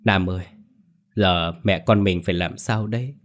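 A man's voice: low-pitched, normal speed, natural voice. A man voicing a middle-aged widowed mother lamenting through sobs. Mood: grieving. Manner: sobbing laments.

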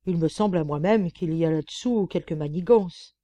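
A woman's voice: on the low side, a little fast, warm tone, no echo, dull audio, close to an everyday voice. A woman voicing a gossipy, pampered female lapdog who writes confiding, mocking letters, in an audiobook reading. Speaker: audiobook reader. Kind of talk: audiobook narration.

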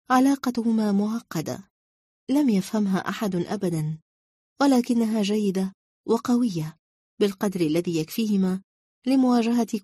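A woman narrating a story in a calm, measured reading style. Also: mid-range voice, husky, dry recording, clean studio sound.

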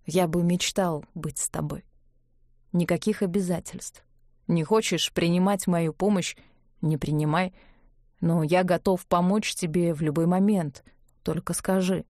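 A woman voicing a tender older man, a powerful inquisitor, who speaks softly and gently. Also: on the low side, vocal fry, no echo, clean studio sound. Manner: soft-spoken, gentle.

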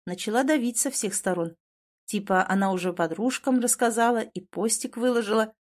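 A woman's voice: on the high side, brisk. A woman reading a first-person story aloud, in a conversational, slightly sardonic manner. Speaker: audiobook narrator.

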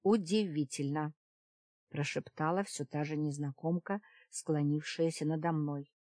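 Brief: female audiobook narrator, calm first-person reading, lowish voice, close dry studio sound. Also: measured pace, no room sound.

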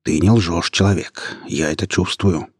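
A man doing a slow, low pack-leader dog. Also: steady tone, slightly rough, big-room sound. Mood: measured. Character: wary pack-leader dog, respects strength.

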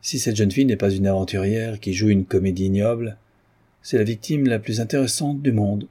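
A man's voice: on the low side, steady tone, brisk, warm tone, husky. A man reading an audiobook, voicing a haughty elderly countess who talks in an imperious, indignant way. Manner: indignant, commanding society talk.

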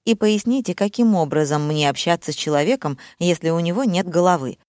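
A woman voicing a pompous older male doctor who speaks slow and dignified. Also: lowish voice, expressive, darkish tone, no room sound, studio quality, natural voice. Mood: stern.

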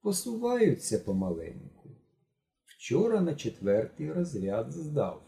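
Man voicing a nonchalant young working lad, off-hand, quiet, dark tone, audiobook. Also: medium pitch, moderate pace, gravelly, echoey room, close to an everyday voice. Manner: casual, understated.

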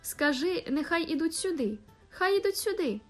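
An eager young bride from a storybook, her voice jumping high in excited exclamations, as a woman reader puts her on. Faint music sits under the reading. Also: a little fast.

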